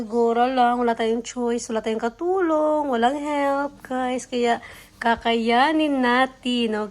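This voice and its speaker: A young woman, chatting casually to her viewers at home in a vlog, cooing now and then at her baby. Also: on the high side. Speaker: vlogger, mother.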